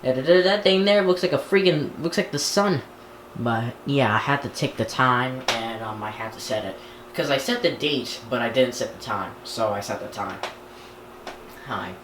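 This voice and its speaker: In an echoey indoor room with background noise, a video creator presents a radio collection, talking off the cuff at a moderate pace in a medium-pitched voice. The vlog is casual and rambling, full of restarted sentences.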